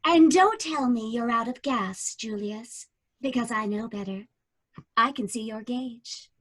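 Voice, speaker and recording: An actress in her twenties gives a calm, unsettling young woman a voice for a radio drama, pitched fairly high and delivered a little slowly. The character comes across as knowing and cool, pressing her point without raising her tone.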